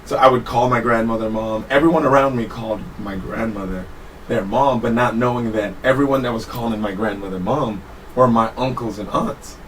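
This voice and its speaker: A man in his thirties, born in Trinidad and Tobago, telling his life story as a guest in a studio interview, relaxed and laughing easily. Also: medium pitch, a little fast. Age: 30s. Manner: relaxed, laughs often, self-correcting. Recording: distant mic with faint room noise.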